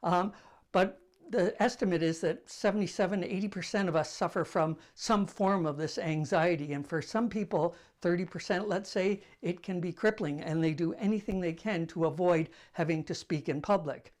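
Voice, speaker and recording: Soft-voiced and high-pitched, an older host speaks to camera at a moderate pace. His talk is casual and anecdotal, told in a conversational, self-deprecating way.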